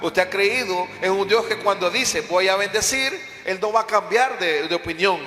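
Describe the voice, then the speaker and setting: High, bright-voiced preaching pastor in echoey hall. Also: male voice, moderate pace. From Honduras. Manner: preaching with repeated emphatic phrases and questions to the congregation. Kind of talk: sermon. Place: church hall.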